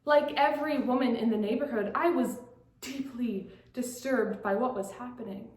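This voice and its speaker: A teenage girl giving a dramatic interpretation performance, moving between bright storytelling and hushed, dread-filled passages. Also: fairly high pitch, normal speed, reverberant. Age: teens. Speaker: student competitor.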